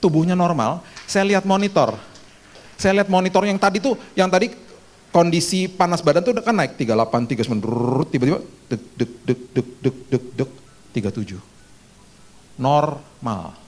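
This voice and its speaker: A middle-aged man preaches a sermon built around a personal testimony. His delivery swings widely, casual chat one moment and sharp, high bursts the next as he voices the people in his story. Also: a little fast. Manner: animated storytelling, voicing himself and others with sudden loud high bursts. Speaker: pastor.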